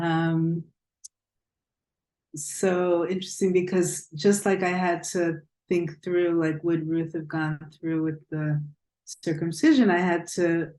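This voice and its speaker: Woman author, flat and mellow, thoughtful answers, echoey room. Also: fairly low pitch, slow pace. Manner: thoughtful, searching for words. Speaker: author and rabbi. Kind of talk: answering a question about her novel.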